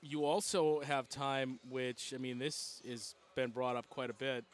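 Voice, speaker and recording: Male host, mid-pitched, relaxed interviewer, laughs easily. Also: unhurried. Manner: easygoing, asks questions, laughs often. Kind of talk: casual chat.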